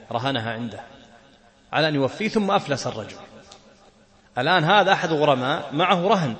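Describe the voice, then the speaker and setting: A man teaching Islamic jurisprudence, reading a text and explaining it, often asking a question and answering it himself. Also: a little high. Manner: questions and answers himself, laughs now and then.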